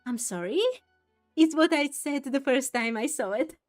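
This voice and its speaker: Faint music plays behind a woman streamer as she works through a game, reading dialogue and commenting with thoughtful remarks and exclamations. She has a high voice with lively intonation and talks at normal speed.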